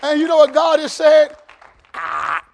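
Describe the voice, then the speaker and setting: High, gravelly, shouting preacher man. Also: normal speed, a crowd in the background, noisy background. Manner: animated, joking, shouting out. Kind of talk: lively sermon. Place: church.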